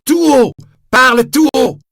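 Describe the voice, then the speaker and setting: A man voicing a harsh, mocking police inspector who shouts and sneers. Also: very high-pitched, takes it slowly, dry recording, clean studio sound, pitched above the performer's own voice, exaggerated voice. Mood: shouting. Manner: loud, sneering, laughing.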